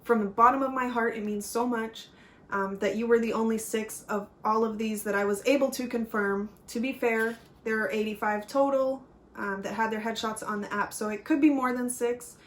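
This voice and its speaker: A woman's voice: a little high, steady tone, moderate pace. A woman who works as a fashion photographer, talking earnestly in a casual vlog with frequent ums and apologies. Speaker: pageant vlogger and fashion photographer.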